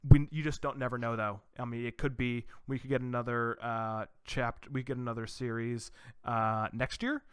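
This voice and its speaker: Smooth-voiced rambling male podcast host. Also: mid-range voice, steady tone, moderate pace, no echo. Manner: rambling, enthusiastic, many restarts. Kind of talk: casual chat.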